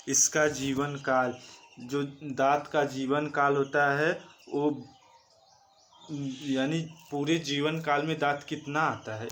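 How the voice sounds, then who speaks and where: A man teaching a lesson from slides, speaking slowly and repeating terms as he corrects himself. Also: mid-range voice, fairly bright tone, slight background noise. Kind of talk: slide-based online lesson.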